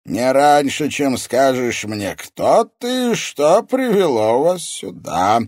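A man voicing a hidden evil sorcerer with a hoarse, barking voice, speaking slowly, loudly and menacingly in an audiobook. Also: medium pitch, very animated, dry recording, studio quality, pitched above the performer's own voice. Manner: slow, loud, commanding.

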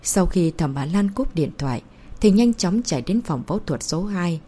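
A woman narrating a novel as an audiobook in a steady storytelling manner. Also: lowish voice, normal speed, husky.

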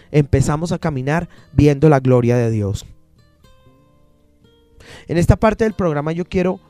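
A man's voice: fairly high pitch, mellow, no room sound. A man preaching a sermon as pastor, emphatic and repeating his phrases, acting out the people he quotes.

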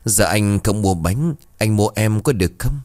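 A man's voice: fairly low pitch, lively intonation, normal speed, darkish tone, no echo, clean studio sound, lightly acted. A man voicing a brash, menacing young village bully in a storybook tale. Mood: mocking.

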